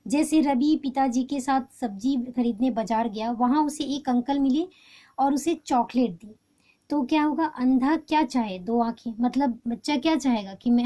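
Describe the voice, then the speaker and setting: A woman's voice: on the high side, mellow. A woman teaching a grammar lesson to schoolchildren, explaining step by step, repeating each answer and mixing in English words.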